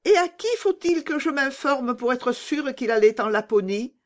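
A woman voicing a gentle, anxious little girl in a children's storybook reading, timid and pleading. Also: high-pitched, lively intonation, moderate pace, pitched above the performer's own voice.

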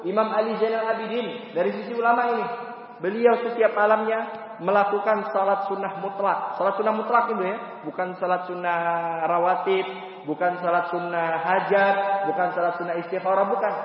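A man preaching a sermon, telling stories with acted voices and rhetorical questions. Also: high-pitched. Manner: animated storytelling, acts out voices, rhetorical questions. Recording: echoey hall, distant mic, dull sound.

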